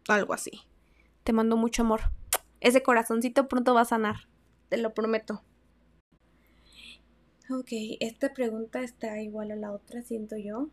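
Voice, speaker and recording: A young woman with a Mexican accent hosting a casual advice podcast, chatty and slangy, swinging between loud emphasis and soft asides. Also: on the high side. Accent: Mexican Spanish. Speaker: podcast host.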